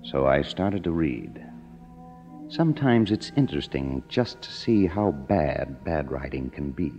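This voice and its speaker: Unhurried and a little mellow, an extremely low, expressive male voice delivers a full character performance. The American actor plays a sardonic, cynical young screenwriter who is broke and narrating his own tale in a wry, weary mood, on a muffled 1950s radio broadcast with music underneath.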